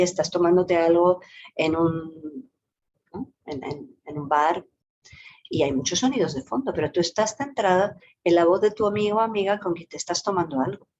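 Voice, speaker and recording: A woman, a psychologist and yoga teacher, explaining a topic in a talk with lively, varied intonation and playful vocal demonstrations. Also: medium pitch, a little hiss or hum. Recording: dull lo-fi recording.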